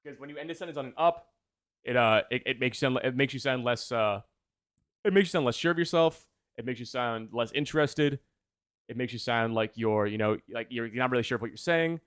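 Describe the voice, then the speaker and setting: In smooth, studio-quality audio without echo, a man who makes video essays talks with his livestream audience at a fairly quick clip. His medium-pitched voice is a bit bright, and his casual chat rambles enthusiastically, with frequent self-corrections.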